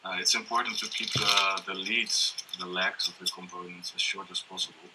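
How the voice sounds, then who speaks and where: A man explaining step by step how to prepare and solder a coil, talking hesitantly with many pauses and fillers. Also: sits low, steady tone. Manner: hesitant, many ums and restarts, laughs often. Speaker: workshop presenter. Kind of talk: hands-on electronics demonstration. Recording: faint background noise and tool clicks.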